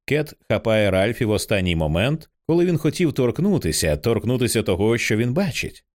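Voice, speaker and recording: A male audiobook narrator reading a horror screenplay. His mid-pitched voice moves with lively swings. He lifts it high for the quoted lines of the other characters. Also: a little fast.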